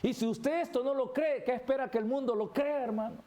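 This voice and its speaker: A man's voice: extremely high pitch, a little fast, mellow. A male pastor preaching a Bible study sermon, reading scripture and constantly calling his listeners brother. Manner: addresses listeners as "hermano" constantly. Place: church.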